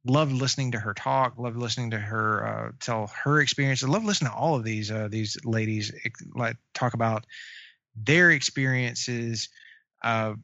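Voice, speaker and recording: A man co-hosting a casual chat about comic book shows, halting and full of fillers and restarts. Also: medium pitch, vocal fry, sharp tone, dry recording. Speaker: podcast co-host. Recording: dry, dull lo-fi sound.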